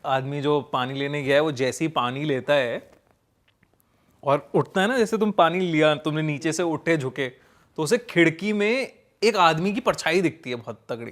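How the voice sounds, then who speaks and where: Man, slightly high voice, casual ghost story, hesitant fillers, slow suspense. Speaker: storyteller guest.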